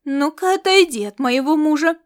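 A woman voicing a jealous queen who shouts commands. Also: high-pitched, moderate pace, voice pushed up, close to an everyday voice. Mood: furious. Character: jealous shrill queen, wife.

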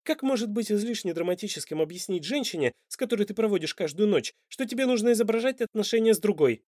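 A man's voice: fairly high pitch, sing-song, quick pace, a little mellow, no echo, clean studio sound, voice pushed up. A man voicing a spirited, stubborn young woman who answers with indignant, ironic retorts in an audiobook.

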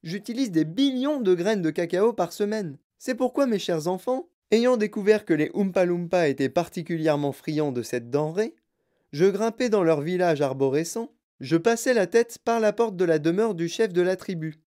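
An eccentric grown man who owns a chocolate factory, as a reader puts him on. He tells his story with animated, wide-ranging pitch, like a storybook showman. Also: moderate pace, lightly acted. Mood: enthusiastic.

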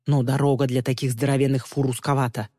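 A man reads as a scheming young driver, unruffled and matter-of-fact, a quiet menace under every line. The voice is warm and dark, with a long reverb tail. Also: mid-range voice, fast talker, clean studio sound, lightly acted. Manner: calm, flat and matter-of-fact, coolly menacing. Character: cool, scheming young man driving a limousine.

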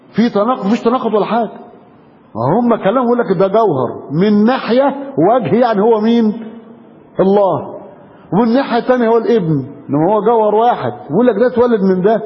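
An Egyptian man gives a religious lecture at a brisk pace, keeps putting questions to his listeners and answers them himself. His voice sits high. The recording is muffled and rings in a large hall. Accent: Egyptian Arabic. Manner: emphatic, questioning the audience. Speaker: preacher. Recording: dull echoey hall recording.

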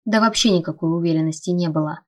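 A woman narrating a first-person fantasy audiobook in a steady storytelling read. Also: lowish voice, quick pace.

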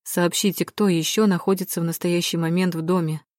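A weary young police lieutenant, read by a woman narrator, curt and official, in a lowish, flat-toned voice. The reading sounds close and dry, like a storybook recording. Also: a little fast, no room sound, natural voice.

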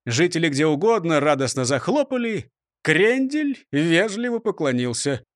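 A man narrating a children's storybook in an expressive, playful way. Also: on the high side, normal speed, dry recording, studio quality.

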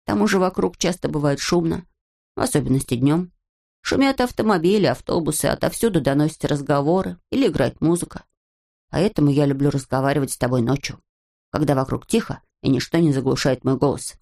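A woman voicing a small female inner conscience in an audiobook, slow, low and scolding. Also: gravelly, a little mellow. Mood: pleading. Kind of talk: audiobook character voice.

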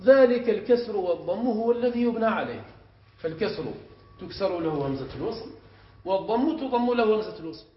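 Male sheikh teacher, high voice, quizzes his class as he explains, echoey room recording. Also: lively intonation. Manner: explains step by step and often checks the class with quick questions. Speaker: sheikh teaching Arabic morphology. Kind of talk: classroom lesson. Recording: echoey room, muffled sound, faint hiss.

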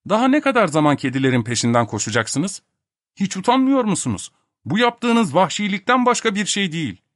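A man's voice: medium pitch, expressive, fairly quick, a bit bright, no room sound, studio quality, voice pushed up, close to an everyday voice. A man voicing a stern young doctor who lectures in a formal, polite way. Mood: scolding.

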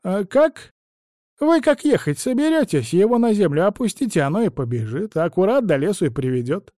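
A man's voice: sits high, very animated, moderate pace, mellow, dry recording, studio quality, pitched above the performer's own voice. A man voicing a grumbling, cunning old witch woman who talks evasively. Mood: cagey. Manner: cranky, evasive, sing-song.

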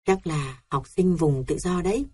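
A woman narrating a memoir in a steady, reflective manner. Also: lowish voice, measured pace, breathy edge, dry recording.

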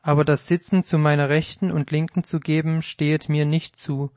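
A man reading Jesus, solemn and measured. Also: on the high side, level tone, a little mellow, no room sound, close to an everyday voice. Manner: measured, solemn archaic phrasing. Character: Jesus, calm grown male teacher. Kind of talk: scripted audio Bible reading.

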